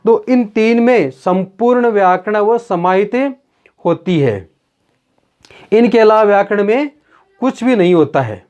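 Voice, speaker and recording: A man's voice: sits high, animated, a little slow, darkish tone. A man teaching a grammar lesson in a classroom-style lecture, explaining step by step and answering his own rhetorical questions. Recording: dull lo-fi sound.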